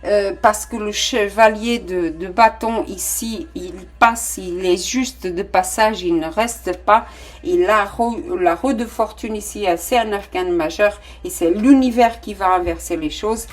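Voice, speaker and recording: Speaking unhurriedly in a mid-range voice, a woman with a non-native French accent reads tarot casually for her audience. She addresses viewers directly, with lots of fillers and false starts.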